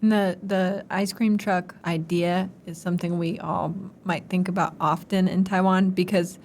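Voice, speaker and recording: A woman's voice: lowish voice, little pitch movement, moderate pace, a little mellow, a little hiss or hum. A young woman in her twenties co-hosting a casual chat, with a teasing, jokey manner. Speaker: co-host.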